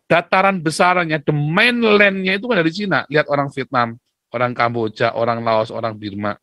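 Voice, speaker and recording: A man's voice: fairly high pitch, moderate pace, bright, forceful tone, no room sound, studio quality. A man giving opinionated monologue commentary, driving his points home by repeating them and tagging them with rhetorical questions. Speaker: political commentator.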